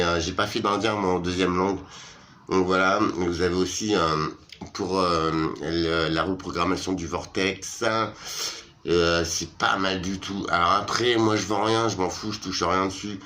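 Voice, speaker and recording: Deep-voiced, hesitant, tired man vlogging. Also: steady tone, a little slow, pushed and bright. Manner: hesitant, many fillers, slangy and familiar. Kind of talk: casual chat to followers.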